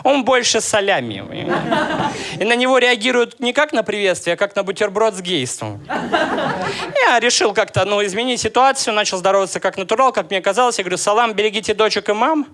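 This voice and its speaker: A man in his thirties from Russia, performing a stand-up comedy set with deadpan, ironic jokes and crowd work. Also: high-pitched, fairly quick. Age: 30s.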